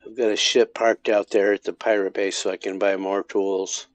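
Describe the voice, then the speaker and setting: A man's voice: fairly low pitch, flat delivery, moderate pace, no room sound. A man casually commenting on his gameplay as a streamer, thinking aloud with frequent restarts. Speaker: game streamer.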